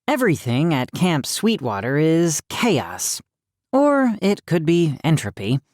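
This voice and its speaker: A woman's voice: deep voice, very animated, slow pace, a little mellow, no echo, clean studio sound, exaggerated voice. A woman voicing a bookish young camper boy, thoughtful and matter-of-fact.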